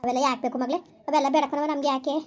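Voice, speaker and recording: Village drama: actress as worn-down mother, high and flat, very fast scolding delivery. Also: lightly acted. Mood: resigned. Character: weary village mother, scolding yet resigned.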